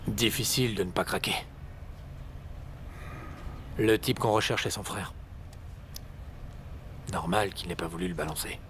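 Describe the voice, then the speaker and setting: An actor playing the purposeful leader of an action team in dubbed film dialogue. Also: male voice, on the low side, measured pace, pauses often, fairly bright tone, slight background noise. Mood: calm. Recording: music behind the voice.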